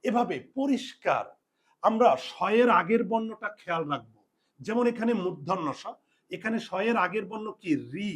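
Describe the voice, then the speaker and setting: A man with a notably high voice teaches a spelling lesson. He says each rule over and over, poses a question, then gives the answer himself, like a drill in a classroom. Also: expressive, moderate pace. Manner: repeats and drills points, asks and answers own questions. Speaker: Bengali language teacher.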